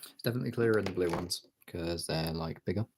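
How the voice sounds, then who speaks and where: A British streamer with a low voice talks at a quick pace over a noisy background. In a casual livestream chat with viewers, he or she thinks aloud informally and swears now and then.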